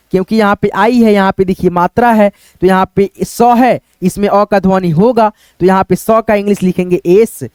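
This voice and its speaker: A man's voice: high voice, a little mellow, clear, resonant tone, no echo. A man teaching English spelling step by step, who keeps asking his viewers questions and calls them friends.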